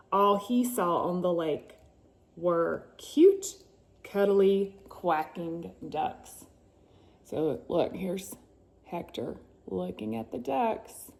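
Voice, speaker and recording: With a mellow, mid-range voice touched by vocal fry, this mother performs a storybook for her boys. She draws out words for suspense, plays up the drama, and breaks off for chatty asides.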